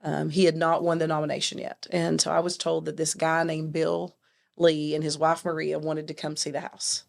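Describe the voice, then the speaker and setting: A woman telling a story as a guest, lively and quick with her asides. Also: sits low, gravelly. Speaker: nonprofit founder, guest. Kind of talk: animated storytelling.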